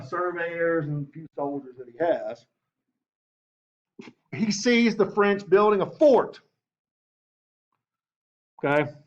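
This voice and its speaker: A man teaching a history class in a lively way, often asking the class and saying okay. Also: high voice, highs cut off.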